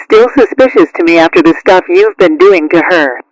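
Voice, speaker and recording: A man voicing a caring, gently firm mother cat in a cartoon, in a soothing, motherly manner. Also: sits high, moderate pace, slight background noise, close to an everyday voice, low-quality recording. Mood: polite suspicion. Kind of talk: cartoon character acting.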